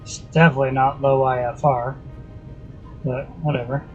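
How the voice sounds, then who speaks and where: A man's voice: medium pitch, flat delivery, moderate pace, highs cut off, soft background music. Give me a man streaming a flight simulator, reading back tower calls and checklist items like a pilot through his headset mic. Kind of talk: casual game commentary with pilot radio calls.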